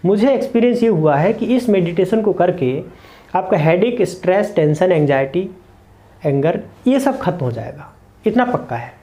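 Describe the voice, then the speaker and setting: A man's voice: high-pitched, expressive, normal speed, mellow. A man teaching meditation to camera, explaining earnestly and repeating key points in short lists. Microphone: camera mic, speaking to camera.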